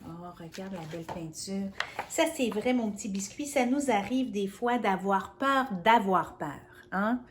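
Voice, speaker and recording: A woman reading a picture book aloud to young children, gently coaxing and speaking straight to the child. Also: mid-range voice, unhurried, slight background noise. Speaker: children's storyteller.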